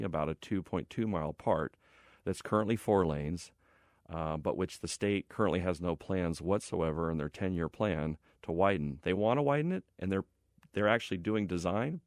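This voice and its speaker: A middle-aged man with a deep voice, recorded close and dry in a studio. He talks like an interview guest, explaining things conversationally in a conciliatory way. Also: dry recording. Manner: conciliatory, explanatory, thinking aloud. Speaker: property developer being interviewed. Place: radio station studio.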